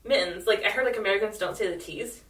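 A woman's voice: medium pitch, fast, a bit bright. A woman with a Californian accent telling stories in casual, slangy chat, often saying "like". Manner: informal, slangy, says "like" often. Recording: roomy echo, distant mic.

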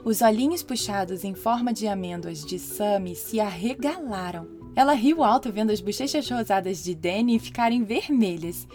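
A woman hosting a children's podcast, narrating a story in a lively storytelling voice. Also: medium pitch, normal speed, few pauses, faint music behind.

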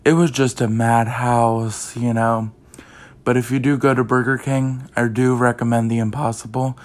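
A young man hosts his own podcast, casually chatting and rambling with heavy use of "like" and "um". His mid-range voice holds a normal speed with little pitch movement.

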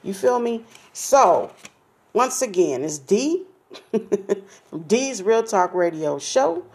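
A woman's voice: mid-range voice, sing-song, takes it slowly, breathy edge. A middle-aged woman hosting her own podcast in casual, slangy chat, talking straight to listeners and smiling as she speaks. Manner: upbeat, slangy and chatty, addresses listeners directly; smiling and laughing as she talks. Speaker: podcast host.

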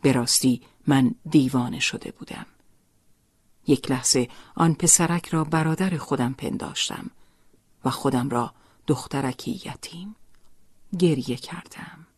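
A woman reading a first-person story as narrator, soft and often sinking into a near-whisper. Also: a bass voice, husky, dry recording.

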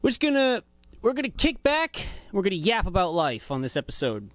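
A man's voice: high voice, huge pitch swings, fairly quick, no echo. A man in his twenties hosting a podcast, talking in a rambling, profane, laid-back way as a casual monologue. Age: 20s. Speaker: podcast host.

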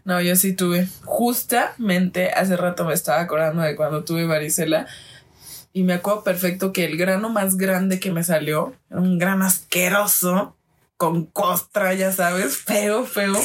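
A young woman with a Mexican accent, co-hosting a podcast in casual chat, telling animated stories and teasing her co-host. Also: lowish voice, measured pace. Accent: Mexican Spanish.

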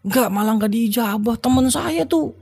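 A man with a husky voice telling personal stories in casual conversation, acting out the speech of others. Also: very high-pitched, moderate pace. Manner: animated, acts out quoted speech. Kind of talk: casual storytelling.

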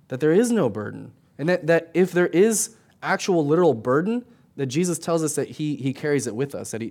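A man's voice: on the high side, a little mellow. Middle-aged man preaching in a chatty way. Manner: conversational preaching with frequent tag questions; repeats and restarts words. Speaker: pastor. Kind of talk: sermon.

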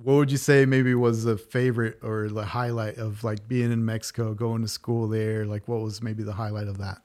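A man's voice: lowish voice, little pitch movement, moderate pace, a little mellow. A man hosting a podcast, interviewing a guest in a casual chat with upbeat, eager interjections. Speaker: podcast host.

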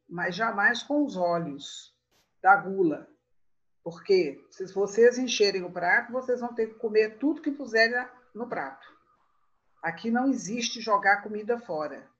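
A woman in her sixties telling family stories in an interview, laughing often as she reminisces. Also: medium pitch. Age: 60s. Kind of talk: storytelling interview. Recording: muffled lo-fi sound.

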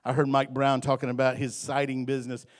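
A middle-aged man preaching an evening sermon in a church, swinging between loud and soft and repeating words as he goes. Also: medium pitch, monotone, fast. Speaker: pastor. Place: church sanctuary.

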